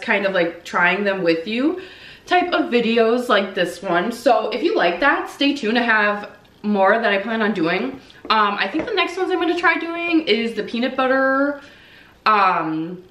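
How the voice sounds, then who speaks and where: In an echoey home kitchen with the mic set far off, a young woman chats casually while baking for her vlog. Her voice is fairly high and a bit bright, and her speech is hesitant and full of ums and likes.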